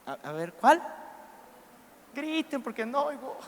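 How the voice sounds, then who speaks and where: A Mexican man preaching a sermon in church, animated, acting out biblical figures and putting questions to the congregation. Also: very high-pitched, measured pace, slight background noise. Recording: live church recording with long reverb.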